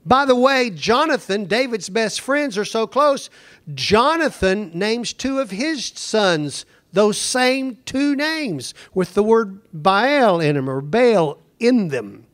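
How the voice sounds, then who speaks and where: A pastor preaching a conversational sermon, slowing down to stress words and then rushing ahead. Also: male voice, very high-pitched, very animated, a bit bright. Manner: conversational preaching, speeds up and slows down for emphasis.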